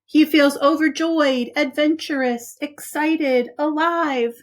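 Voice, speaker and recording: Reading a picture book in the style of a preschool teacher, a woman with a high voice takes it slowly. She's expressive, addresses the young listeners directly, and adds casual asides.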